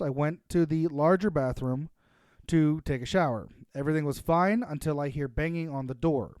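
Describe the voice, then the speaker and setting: Guy reading reddit-style stories on a podcast, kinda high voice, dead dry mic. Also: a little mellow, no echo. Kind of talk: casual chat and story reading.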